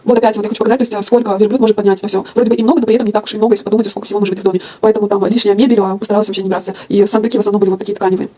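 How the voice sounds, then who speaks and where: A woman giving an informal online lecture in a quiet voice with a slushy lisp, thinking aloud and correcting herself as she explains. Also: mid-range voice, little pitch movement, rapid-fire, few pauses. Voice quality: slushy lisp from a broken tooth; quiet, husky voice.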